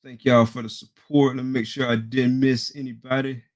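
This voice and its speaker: A man's voice: mid-range voice, level tone, moderate pace, a little mellow. Man, live-stream host, slangy, hyped, greets chat by name. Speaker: podcast host. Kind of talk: live-stream show hosting.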